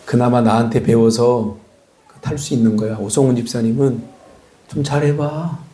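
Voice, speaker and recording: A man, a pastor, giving an animated sermon in a church and teasing members of the congregation by name. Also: mid-range voice, moderate pace. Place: church sanctuary.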